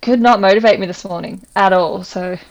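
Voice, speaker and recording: A young Australian teacher co-hosts a casual chat podcast, talking fast and loose, laughing a lot and filling her speech with "like." Her mid-range voice is creaky, and the sound is lo-fi.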